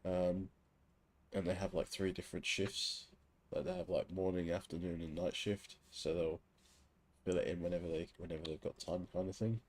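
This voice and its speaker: An English man speaks with a low, level voice at a moderate pace. He's a live streamer chatting casually while gaming, teasing and swearing in an offhand way.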